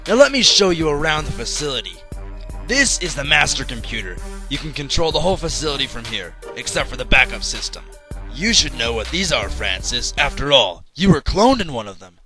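A man playing a smug, threatening villain in an animated fan drama, taunting and commanding. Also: medium pitch, brisk, faint music behind. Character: smug, threatening male villain striking a cruel bargain.

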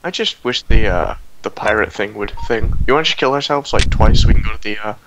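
A young man co-hosting a casual gameplay commentary, goofy and given to silly squeaky bits. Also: quick pace, muffled recording, background noise. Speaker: gaming channel co-host.

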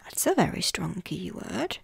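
Woman whispering thru a tarot deck at home, slow and gushy, a lil gravelly, dry close sound. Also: fairly low pitch, very animated, no echo. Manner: soft half-whispered talk, gushing over cute cards. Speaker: tarot channel host. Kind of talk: tarot deck unboxing and flip-through.

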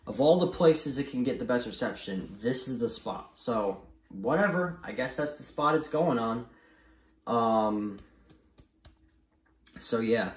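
Speaking at medium pitch, a young American hobbyist films an off-the-cuff show-and-tell on a handheld phone in a small indoor room at home. The room is echoey, and he rambles, hesitates and repeats himself while showing items to the camera.

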